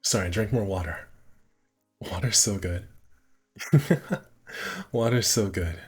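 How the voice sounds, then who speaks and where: Faint music plays behind a man whose husky voice sits low and moves slowly. He's casually streaming a visual novel, reading its narration out loud and fixing his own slips with muttered asides.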